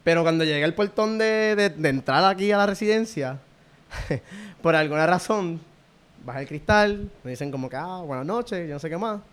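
A man's voice: a little high, moderate pace, clear, resonant tone. A young Puerto Rican man chatting casually as a podcast co-host, laid-back, swearing often and laughing a lot. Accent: Puerto Rican Spanish. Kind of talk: casual chat.

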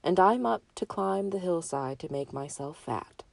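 A woman's voice: fairly low pitch, lively intonation, normal speed, creaky, no echo. A woman doing a tiny pleading billy goat. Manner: small pleading voice.

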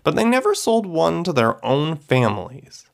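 Man voicing a calm, mystical old fortune-teller. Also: fairly high pitch, normal speed, gravelly, voice pushed up. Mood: knowing, solemn. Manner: gentle, matter-of-fact, grandly solemn.

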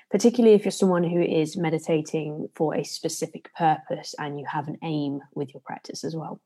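A woman's voice: deep voice, dark tone, husky. A woman with a Leicester accent from the English East Midlands, hosting a podcast and explaining things casually with careful diction. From Leicester area, England. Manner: speaking carefully to be understood. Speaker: podcast host and meditation trainer.

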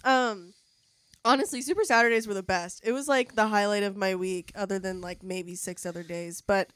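A young adult woman with a playful, teasing manner, at a middle pitch for a woman. The sound is dry and close to the mic, with no room echo. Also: fairly even intonation, a bit bright, smooth. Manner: playful, quick to laugh and tease. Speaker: daughter asking questions. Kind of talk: casual family chat.

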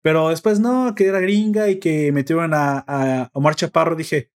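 A man's voice: fairly high pitch, normal speed. A young man with a Mexican Spanish accent, chatting casually and joking, dropping slang in nearly every sentence. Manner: slangy, joking, says güey constantly. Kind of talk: casual chat.

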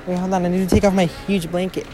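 A man's voice: sits high, level tone, fast talker, crowd noise. A teenage man from Florida co-hosting a podcast in casual chat, rambling and swearing a lot, mocking himself. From Florida, USA. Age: teens. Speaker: podcast co-host. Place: home bedroom.

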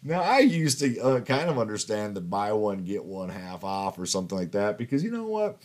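Low-voiced guy in his 50s, rambling and cussing, laughs at his own stories. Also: very animated, moderate pace, darkish tone. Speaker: podcast host. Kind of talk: casual storytelling monologue.

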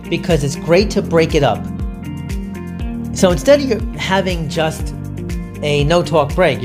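A man hosting a solo podcast, giving candid, chatty advice in an animated, self-deprecating way. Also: on the high side. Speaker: podcast host.

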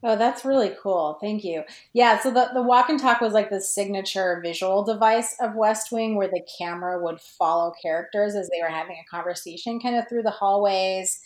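A woman who writes fan fiction guests on a podcast, explaining things informally in a casual discussion. Her mid-range voice moves at a moderate pace with hardly any pauses, and the room sounds roomy and echoey.

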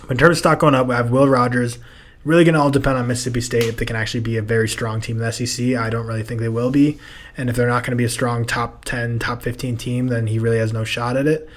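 A young man hosting a casual sports podcast, hoarse and losing his voice, rambling and loose in his talk. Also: medium pitch, flat delivery, quick pace. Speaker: podcast host.

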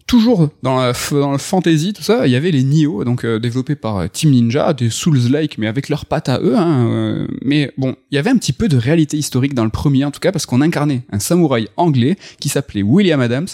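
A man's voice: mid-range voice, lively intonation, quick pace, hardly any pauses, mellow. Rambling, playful podcast host man. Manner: rambling, with many fillers and self-corrections; playful, laughs easily. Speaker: podcast host presenting a segment. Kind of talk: casual chat about video games.

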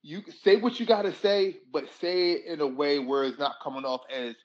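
A man's voice: fairly high pitch, fairly even intonation, normal speed, muffled recording. A man hosting a podcast in casual chat, laid-back but opinionated. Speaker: podcast host.

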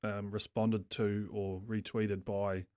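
A man's voice: lowish voice, little pitch movement, slow pace, darkish tone, clear, resonant tone, no echo, studio quality. A man with a New Zealand accent chatting casually as a podcast guest, in a laid-back, blokey, sweary way. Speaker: craft brewer, podcast guest.

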